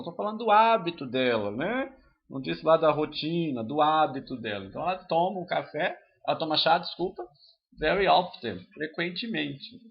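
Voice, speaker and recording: A man's voice: fairly high pitch, dull audio. A Brazilian man whose first language is Portuguese, teaching an English grammar lesson, explaining patiently with frequent tag questions. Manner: explains slowly with many tag questions, switching into English examples.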